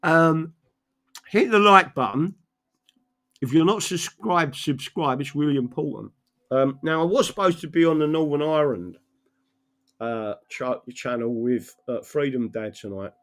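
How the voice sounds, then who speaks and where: A man's voice: mid-range voice, moderate pace. A man talking off the cuff to his viewers as a livestream host, rambling and emphatic, often checking he is followed with a tagged question.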